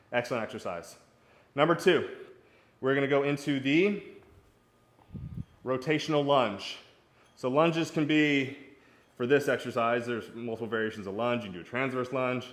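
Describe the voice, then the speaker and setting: A man coaching golf fitness, demonstrating exercises while talking casually and encouragingly in a hot home garage, a little out of breath. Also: mid-range voice. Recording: echoey garage.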